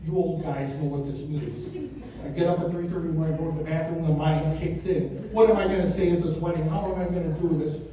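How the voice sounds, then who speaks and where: A man's voice: fairly high pitch, fairly even intonation, quick pace, dark tone. An American man in his fifties or sixties giving a joking, conversational father of the bride speech at a wedding reception, landing his punchlines with emphasis. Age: 50s or 60s. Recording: echoey room from far off, noisy.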